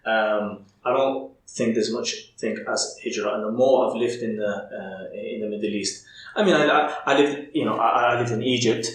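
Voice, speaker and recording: This is casual interview talk from an English podcast guest who speaks his thoughts openly and keeps restarting sentences. His voice is on the low side, his pace normal, and the room echoes noticeably.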